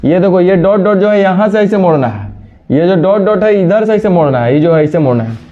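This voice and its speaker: Scolding teacher. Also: male voice, high-pitched, expressive, dark tone. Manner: scolding, brisk, addresses students directly. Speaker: reasoning teacher. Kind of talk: classroom lecture. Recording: dull lo-fi sound.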